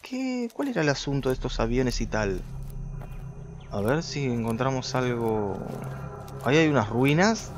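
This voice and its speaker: A man giving let's play commentary, talking to viewers and shooting up in pitch when startled. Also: unhurried, faint music behind. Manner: excitable, talks to viewers, jumps high when startled. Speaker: gaming video host.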